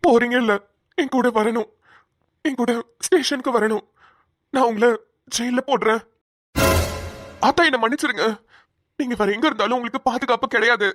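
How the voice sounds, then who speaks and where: A woman's voice: fairly high pitch, normal speed, long pauses, dry recording, studio quality, faint music behind, natural voice. A woman voicing an earnest young male police officer. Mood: urgent. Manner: pleading, stammering, urgent. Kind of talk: cartoon voice acting.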